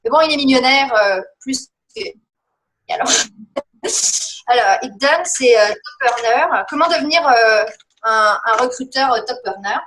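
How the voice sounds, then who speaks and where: A woman's voice: high-pitched, measured pace, pauses often, a bit bright, echoey room. A woman giving rambling, chatty coaching advice on a team call, with many fillers and laughs. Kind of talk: casual motivational coaching talk.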